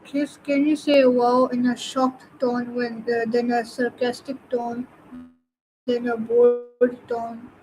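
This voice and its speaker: Slow, hesitant woman with a flat voice. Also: a little high, music in the background, rough recording. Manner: hesitant, halting, many pauses. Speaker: host asking questions. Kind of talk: casual chat, asking questions.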